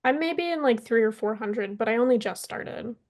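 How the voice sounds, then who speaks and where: A woman's voice: fairly high pitch, animated, brisk, a little mellow. A woman co-hosting a casual podcast, chatting in an easygoing way. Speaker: podcast co-host.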